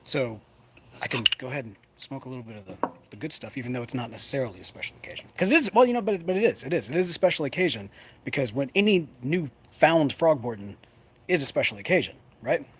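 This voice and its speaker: With a medium-pitched, expressive voice and a quick pace, the pipe smoking show host chats casually to the camera. Folksy and playful, he tends to ramble and break off mid-sentence. There's clear ambient noise behind him.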